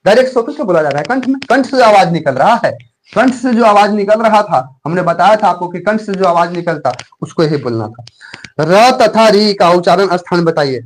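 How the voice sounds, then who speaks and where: A man's voice: sits high, expressive, fairly quick, rough recording. A man teaching a grammar lesson for exam prep, repeating himself and quizzing viewers. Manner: repetitive, fills speech with "jaise ki", quizzing viewers.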